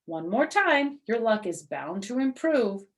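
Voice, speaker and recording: A woman voicing a wily, cheerful trickster man in a storybook, with an animated, coaxing, mock-innocent manner. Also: on the high side, unhurried, voice pushed up. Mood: sly, mock sympathetic.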